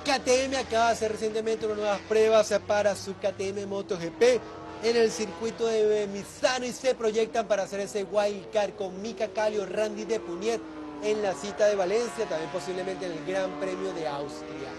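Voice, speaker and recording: A man giving excitable live commentary on motorcycle racing, full of exclamations and repeated words. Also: high-pitched, moderate pace.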